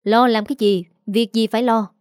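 A woman's voice: on the high side, fairly even intonation, moderate pace, a little mellow, dry recording, clean studio sound, lightly acted. A woman voicing a cold, stubborn old mother. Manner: curt and icy. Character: cold, stubborn elderly mother who lost her savings.

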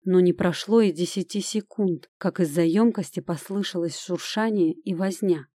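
Casting: female audiobook narrator, lowish mellow voice, measured first-person storytelling, dry close recording. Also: no room sound.

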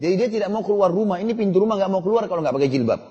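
A man's voice: high-pitched, animated, very fast, dark tone, long reverb tail, dull audio. A middle-aged man, preaching a sermon and telling personal stories, speaking conversationally and addressing the audience directly.

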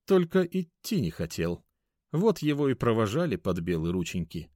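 A man's voice: fairly low pitch, very animated, moderate pace, dark tone, dry recording, clean studio sound. A man voicing a wry, cynical grey male colleague who speaks knowingly. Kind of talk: audiobook character voice.

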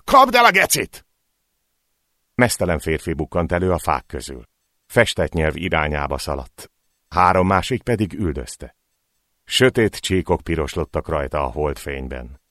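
A man's voice: deep voice, dry recording, studio quality. A man reading a short story aloud as an audiobook narrator, in a dramatic way. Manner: dramatic, voicing cries in the scenes.

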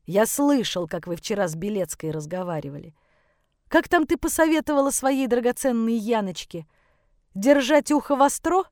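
A woman's voice: on the high side, darkish tone, no room sound, studio quality, close to an everyday voice. A woman voicing a bitter, contemptuous teenage boy in an audiobook. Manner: sneering, contemptuous. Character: bitter scornful teenage boy, angry and rude.

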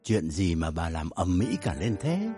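A man voicing a calm father who gives measured, unhurried advice to his son in an audio drama. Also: sits low, music in the background, pitched below the performer's own voice.

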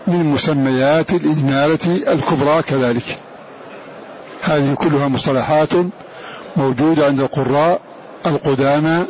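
A man teaching a lesson on Quran recitation in a deliberate lecture style, repeating each term for his students. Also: a little high. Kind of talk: classroom lecture. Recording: dull lo-fi recording with faint hiss.

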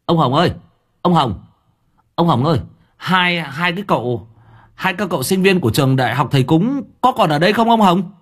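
A man's voice: deep voice, very animated, normal speed, slightly rough, exaggerated voice. A man voicing a frantic male villager who calls out and stumbles over his words. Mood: urgent. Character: frantic male villager bringing urgent news.

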